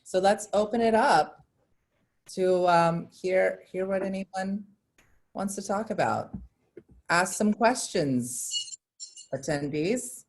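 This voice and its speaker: Speaking slowly in a mid-range voice, animated and pausing often, a woman narrates the stage directions of a staged reading. Afterward she runs its informal question-and-answer session with the audience.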